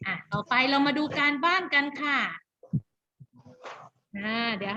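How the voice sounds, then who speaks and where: A woman teaching an online English class to kindergarten children over a video call, animated and full of praise in a sing-song tone. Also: high-pitched, measured pace. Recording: slightly dull video-call audio with faint noise.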